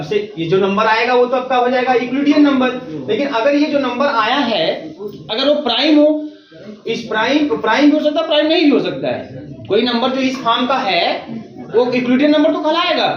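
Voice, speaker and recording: A male math teacher giving a classroom lecture, talking students through each step with reassuring check-ins. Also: very high-pitched. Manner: reassuring, repeats checks like "theek hai na". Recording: roomy, distant, dull recording.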